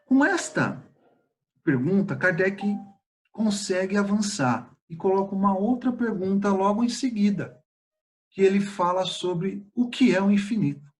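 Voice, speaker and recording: This high-pitched man with a Brazilian Portuguese accent and lively intonation is giving a spiritist study lecture. He speaks in a measured, halting way, pausing often and using filler sounds.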